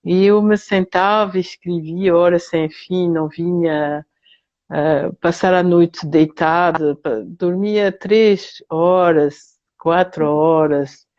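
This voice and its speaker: Slow, soft-toned older Frenchwoman. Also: on the low side, steady tone, muffled recording. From France. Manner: slow, hesitant and reflective. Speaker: guest therapist. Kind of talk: live video interview.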